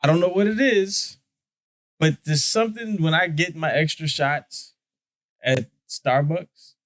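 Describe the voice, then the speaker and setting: A man's voice: a little high, measured pace, a bit bright, no echo. A man co-hosting a podcast in casual debate chat, blunt, heated and profane. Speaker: podcast co-host.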